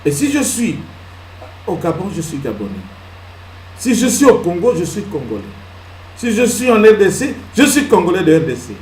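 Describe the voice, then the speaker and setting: A male pastor preaching a sermon, swinging from loud emphatic peaks to hushed asides and answering his own questions. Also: high voice. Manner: asks the congregation questions and answers them himself. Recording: echoey hall with faint ambience.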